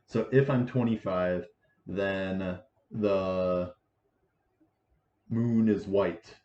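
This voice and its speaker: A man in his twenties giving a casual math lesson, with a halting delivery full of restarts and fillers. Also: low voice, steady tone, darkish tone. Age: 20s. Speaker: math teacher. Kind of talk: casual lecture. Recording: echoey room, dull lo-fi sound, faint hiss.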